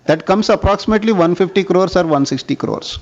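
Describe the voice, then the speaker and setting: On dull, lo-fi conference call audio, a high-voiced man with an Indian accent talks fast as he answers analysts' questions. He is a bank executive on an earnings call, formal throughout and frequently saying "sir."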